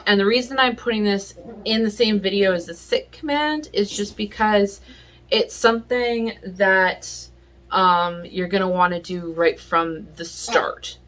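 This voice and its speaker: A woman casually explaining dog training in a home vlog, relaxed and chatty, with plenty of fillers. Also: medium pitch. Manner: relaxed and chatty, with many fillers and little laughs. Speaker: pet vlogger. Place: home, indoors.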